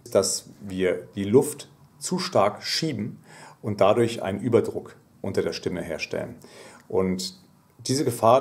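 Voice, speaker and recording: Male singing teacher, lower register, patient explainer who breaks into sung examples. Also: vocal fry, a little mellow. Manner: explanatory, sings short demonstration phrases. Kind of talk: voice lesson.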